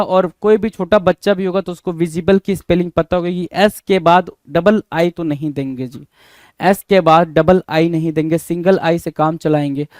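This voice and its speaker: A man's voice: a little high, a little mellow, no echo. A man teaching an English spelling lesson, spelling words out letter by letter and asking and answering his own questions.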